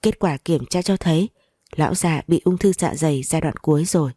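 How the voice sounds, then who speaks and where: A woman reading the lines of a loyal older male butler who speaks in a sad, measured way in an audiobook story. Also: low voice, mellow, breathy edge, no room sound, studio quality. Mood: sorrowful.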